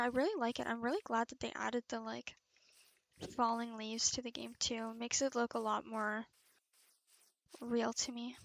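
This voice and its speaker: A woman's voice: a little high, vocal fry, fairly bright tone, poor audio. A young adult woman chatting casually as she narrates her gameplay, in a rambling, informal, self-effacing way. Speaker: video creator narrating gameplay. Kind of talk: casual gaming chat. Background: background music.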